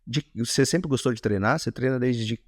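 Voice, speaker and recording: A man hosting a podcast interview with a Brazilian Portuguese accent, asking short relaxed questions. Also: medium pitch, fairly quick, dry recording, studio quality. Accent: Brazilian Portuguese, Curitiba. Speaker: podcast host.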